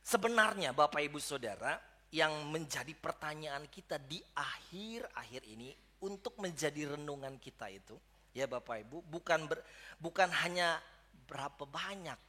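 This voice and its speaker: A man's voice: on the high side, bright, forceful tone. A man preaching a sermon to his congregation, speaking to them directly and building to emphatic peaks. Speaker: pastor. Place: church service.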